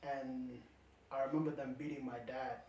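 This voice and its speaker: A young man from South Sudan, a musician being interviewed, talking casually with many pauses and fillers. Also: mid-range voice, a little hiss or hum. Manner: relaxed, halting with many fillers. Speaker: musician guest. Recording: echoey room, from far off.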